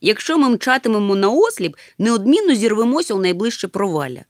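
Lady doing a chill young wanderer dude, calm, reflective, lively pitch. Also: brisk, no echo, clean studio sound, natural voice. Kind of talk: storybook reading.

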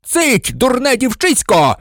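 A man's voice: fairly high pitch, sing-song, moderate pace, no room sound, studio quality, voice pushed up. A man reading aloud, voicing a cold, vengeful male professor who speaks in a silky, sneering tone. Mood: furious.

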